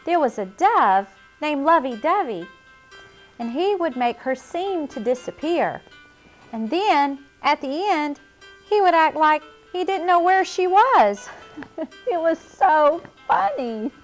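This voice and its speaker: A woman's voice: high voice, big pitch swings, slow pace, faint music behind, exaggerated voice. A woman voicing a cheerful young girl clown in a children's cartoon, with a bubbly, wide-eyed manner. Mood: fond. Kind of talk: children's show character acting.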